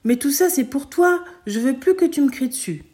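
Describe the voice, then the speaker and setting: Une lectrice en petit garçon naïf et sincère, voix plus haute, lecture de conte. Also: female voice, high voice, lively intonation, moderate pace, warm tone, voice pushed up. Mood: suppliant. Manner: earnest, pleading. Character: small pleading boy, naive and earnest.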